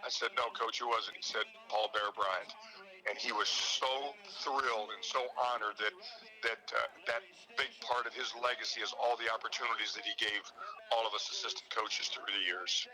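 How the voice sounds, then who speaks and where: A man with a very bright, forceful tone, speaking as a former assistant coach. He tells his story fondly and plays out the back-and-forth of an old conversation. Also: on the low side, steady tone, brisk, rough recording. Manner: fond, anecdotal, acts out dialogue. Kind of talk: storytelling interview.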